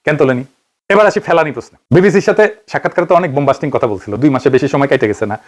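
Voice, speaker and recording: A man's voice: fairly high pitch, racing. A man from Bangladesh with a Bangladeshi Bengali accent, giving an investigative political commentary monologue, firing rhetorical questions and answering them himself.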